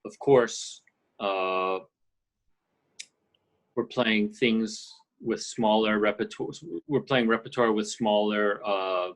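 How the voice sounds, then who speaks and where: A man's voice: lowish voice, fairly even intonation, takes it slowly. A middle-aged man from Canada, chatting as an interview guest over a video call and talking thoughtfully, with many fillers and restarts. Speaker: guest, orchestral percussionist. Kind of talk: casual interview chat. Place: ski and golf resort, indoors.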